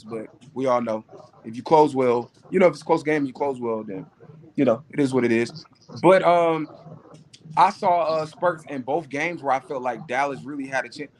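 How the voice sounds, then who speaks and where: A man's voice: on the high side, slight background noise. Insistent man with a raised voice. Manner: pointed, insistent. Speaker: podcast co-host. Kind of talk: casual sports debate.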